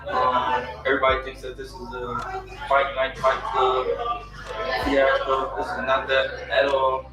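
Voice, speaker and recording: A man giving opinionated commentary in a measured, blunt way, repeating phrases for emphasis. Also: medium pitch, monotone. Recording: very echoey, distant, loud music under.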